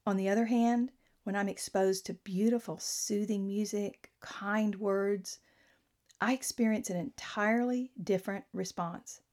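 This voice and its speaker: A woman speaks in an earnest, conversational way, giving an inspirational talk to listeners. Her voice is mellow and warm, at a middling pitch for a woman. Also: steady tone, measured pace.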